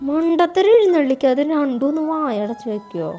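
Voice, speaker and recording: A woman voicing a gruff young man who distrusts women, speaking in a curt, scolding way. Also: sits high, animated, moderate pace, warm tone, soft background music, pitched above the performer's own voice.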